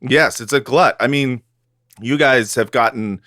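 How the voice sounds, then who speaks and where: A man's voice: mid-range voice, measured pace, sharp tone, no room sound, studio quality. Joking, rambling male podcast co-host. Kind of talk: casual comedic podcast chat.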